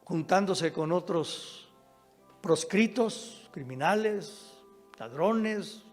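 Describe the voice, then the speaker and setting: A pastor in a high register delivers a deliberate, unhurried sermon, dropping in amens and repeating words for emphasis. His voice rings through a reverberant sanctuary at a live-streamed service, with soft music faintly underneath. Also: lively intonation.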